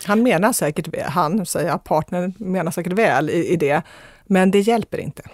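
A woman speaking as a guest expert, giving measured advice with frequent hesitations. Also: on the low side, dry recording. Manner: measured, advisory, with many fillers and restarts. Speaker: guest expert on fear of childbirth. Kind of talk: conversational radio interview.

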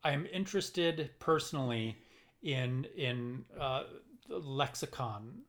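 A middle-aged man from Minnesota with a Minnesotan accent, co-hosting a casual podcast chat and talking in halting bursts with many fillers and restarts. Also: mid-range voice, animated, a bit bright. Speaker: podcast co-host.

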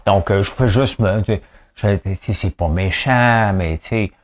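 A man's voice: on the low side, measured pace. A man with a Quebec French accent talking to the camera in a rambling, joking, self-mocking way. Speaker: vlogger. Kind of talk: casual solo commentary to camera. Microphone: camera mic.

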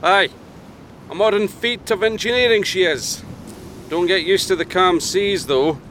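An actor playing a stern, skeptical lighthouse keeper who talks brusquely and also narrates. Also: male voice, sits high, a little slow, fairly bright tone, slight background noise. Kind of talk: period narration in audio drama.

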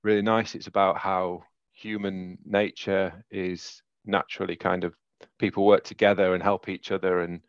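Yorkshire man, low voice, chatty and giggly. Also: flat delivery, normal speed, smooth, no echo, muffled recording. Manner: laughing, rambling with many fillers. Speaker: podcast co-host. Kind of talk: casual chat.

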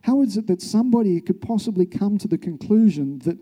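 He is an Australian journalist telling his own story in a public talk, earnest and reflective, often asking rhetorical questions. The voice is high-pitched, dark in tone, expressive, and brisk.

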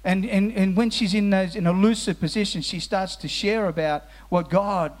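A man preaching a sermon in a church hall, earnest and restarting his phrases, slowing and softening on solemn lines. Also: sits high, steady tone. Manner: drops to slow, soft tones on solemn phrases. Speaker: pastor. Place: church hall with musicians present.

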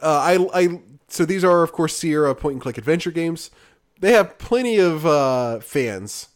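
A man's voice: a little high, lively intonation, a little slow. A man co-hosting a podcast, chatting casually about video games in a loose, rambling way full of fillers that often trails off. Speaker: podcast co-host.

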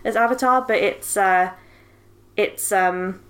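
A woman's voice: medium pitch, slow, a bit bright. A British woman co-hosting a podcast in casual chat, joking and often laughing. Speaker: podcast co-host.

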